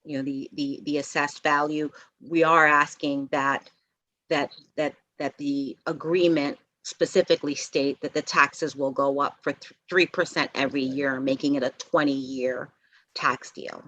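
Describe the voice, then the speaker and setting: A woman's voice: deep voice, steady tone, unhurried, fairly bright tone, rough recording. A woman presenting a housing proposal at a public meeting over a video call, hesitant and full of fillers. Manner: hesitant, many fillers and restarts.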